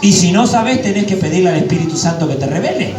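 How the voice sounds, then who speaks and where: A man preaching a fervent Pentecostal sermon in a church hall, often shouting. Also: high-pitched, expressive, fast talker. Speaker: pastor. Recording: echoey church hall, mic at a distance, faint music.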